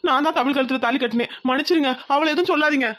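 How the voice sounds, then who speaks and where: A sincere young man in a cartoon, played by a woman insists earnestly in a quick voice. The tone is high and bright.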